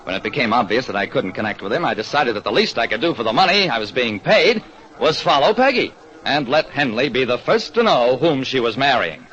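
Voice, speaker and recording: An actor plays a hard-luck, wry, world-weary private detective narrating his case in an old radio drama. His natural male voice is medium-pitched, animated, and brisk with a fairly bright tone, heard through a dull, noisy old radio recording.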